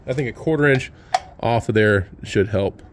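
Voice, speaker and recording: Over background noise, a man with a lowish voice and moderate pace gives a relaxed, step-by-step demonstration of repairing his sawmill, using filler words. The how-to is casual, recorded on a handheld camera outdoors by the machine under an open shed.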